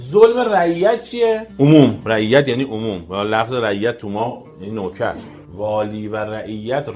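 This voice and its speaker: A man giving a sermon-style religious lecture, emphatic, firing rhetorical questions and reciting Arabic phrases. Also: mid-range voice.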